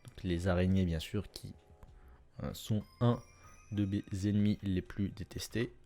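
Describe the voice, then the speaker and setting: Young guy rambling over his game run, lowish voice, lots of ums, gets loud when excited. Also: a little slow. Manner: chatty, self-correcting, lots of filler sounds, sudden excited bursts. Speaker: gameplay commentator. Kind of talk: casual let's-play commentary.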